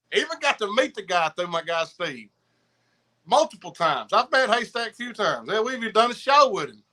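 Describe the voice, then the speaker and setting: Southern guy rambling on a podcast, kinda high voice, real bright n punchy, slangy, repeats himself. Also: very animated, a little slow, pauses often. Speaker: podcast guest. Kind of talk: casual chat, rambling anecdotes.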